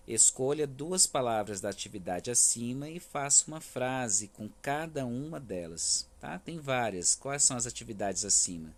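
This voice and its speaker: A man's voice: medium pitch, lively intonation, normal speed, few pauses. A male primary school teacher with a Brazilian Federal District accent, giving a remote class and patiently checking in with his students after each point. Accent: Brazilian Portuguese, Federal District. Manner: patient, stresses words syllable by syllable, frequent "tá?" checks.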